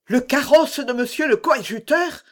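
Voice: mid-range voice, big pitch swings, moderate pace, fairly bright tone, pitched above the performer's own voice. A reader voicing an anxious but imperious queen. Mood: urgent. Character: anxious proud queen, adult woman.

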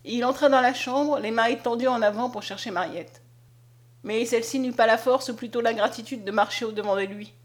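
A woman narrating a novel aloud, in a measured, expressive reading. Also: on the high side. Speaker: audiobook narrator.

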